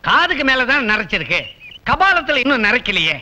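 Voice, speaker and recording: A man's voice: very high-pitched, big pitch swings, fairly quick, noisy background. A man acting in a Tamil film comedy scene, teasing and boastful, with sing-song calls.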